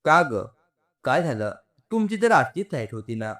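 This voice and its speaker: A caring sister-in-law, anxious but steady, as a male narrator voices her. She fires off concerned questions with a lively, animated rise and fall. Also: mid-range voice, moderate pace. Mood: worried. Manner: concerned, questioning, then taking charge.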